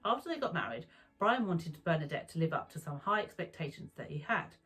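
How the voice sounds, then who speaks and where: Low husky woman narrating true crime. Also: big pitch swings, brisk, a bit bright, soft background music, rough recording.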